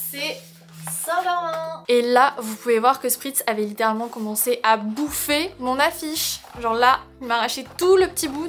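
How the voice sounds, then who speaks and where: A young woman from France vlogging in her apartment, chatty and expressive, talking to the camera while she works and grumbling at small setbacks. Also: high-pitched. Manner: chatty and expressive, mutters and swears while doing chores. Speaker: lifestyle vlogger. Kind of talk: casual vlog chat. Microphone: camera mic.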